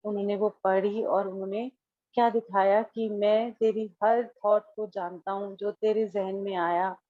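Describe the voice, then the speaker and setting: A woman's voice: medium pitch, fairly even intonation, a little slow, no echo. Woman telling a devotional story, muffled. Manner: mixes English phrases into Hindi; emotional, storytelling with quoted dialogue. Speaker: devotee sharing a testimony. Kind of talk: casual spoken testimony.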